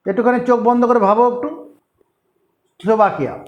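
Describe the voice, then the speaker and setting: High pitched guy teaching geography, spells every name out slow, repeats stuff over and over. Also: dull audio. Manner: slow and repetitive, spelling names letter by letter; patient, drills the class on names. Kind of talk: classroom lesson, spelling names aloud.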